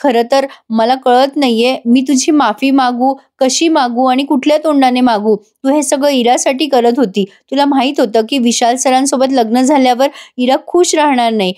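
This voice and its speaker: Here a woman speaks in a high voice at a moderate pace, pausing little. She recaps a serial episode conversationally with a Marathi accent, performing each character's lines herself with some mild feeling. She stays lively throughout and keeps tossing friendly remarks directly to her audience.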